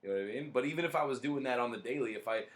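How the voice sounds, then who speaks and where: A man's voice: medium pitch, racing. A man hosting a casual podcast, talking bluntly and swearing a lot. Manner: profane, blunt and animated. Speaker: podcast host.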